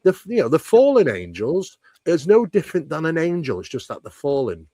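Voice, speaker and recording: A paranormal researcher speaks as an interview guest, conversationally and emphatically unpacking paranormal topics at length while posing frequent rhetorical questions. His slightly high voice swoops wildly in pitch and is brisk and mellow, with no echo.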